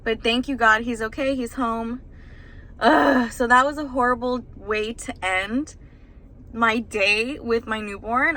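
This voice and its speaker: Bright-voiced shaken young mother. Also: on the high side, poor audio. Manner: rambling, emotional retelling with many fillers. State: stressed and shaken. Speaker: vlogger, new mother. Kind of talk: casual vlog storytelling.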